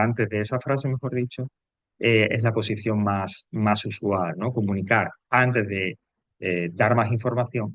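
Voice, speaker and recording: A man's voice: on the low side, no room sound. A man with a Peninsular Spanish accent explaining grammar as a teacher in a recorded lesson, hesitant, with frequent fillers and checking questions.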